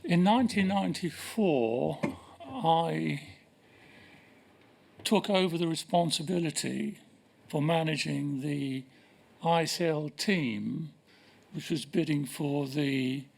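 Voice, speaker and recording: Older male witness, gravelly and a touch high, slow measured answers with pauses. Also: a little mellow. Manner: measured, hesitant, with many pauses. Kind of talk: formal testimony. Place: inquiry hearing room.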